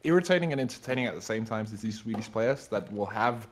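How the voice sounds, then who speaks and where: A man with a deep, husky voice co-commentating esports over an online voice call, analysing play in a hesitant, conversational way. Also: lively intonation, quick pace. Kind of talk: live esports commentary and banter. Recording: noisy voice chat with clicks, gunfire.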